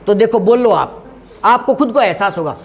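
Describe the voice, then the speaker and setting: A man's voice: high-pitched, expressive, normal speed. A middle-aged man giving a Hindi grammar lesson. He is patient, repeats and stretches sounds to show how they are spoken, and often checks whether students follow. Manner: patient, repeats and drags out sounds to demonstrate pronunciation; asks rhetorical check-in questions. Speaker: Hindi teacher. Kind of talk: classroom-style grammar lesson.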